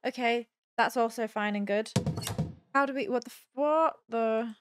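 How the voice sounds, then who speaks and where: Against a noisy background, a gaming video host talks at normal speed in a slightly high voice. She's a young adult woman musing aloud through casual let's-play commentary, muttering in a playful, self-deprecating way.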